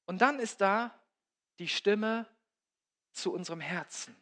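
A man preaching a sermon, swinging between loud emphatic peaks and hushed, quiet passages. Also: sits high, takes it slowly. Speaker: pastor. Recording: long hall reverb.

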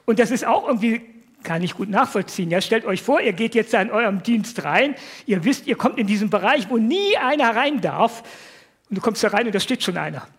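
A man's voice: sits high, lively intonation, fairly quick, husky. A man preaching a conversational sermon, talking to the listeners in colloquial words and asking them many rhetorical questions.

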